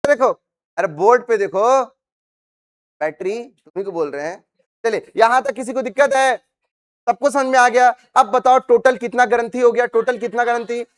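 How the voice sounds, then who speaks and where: A man's voice: extremely high pitch, moderate pace. A man teaching science to a live class, repeating questions and having students recite the terms after him. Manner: calls students "babu", teasing and scolding them. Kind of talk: classroom lecture.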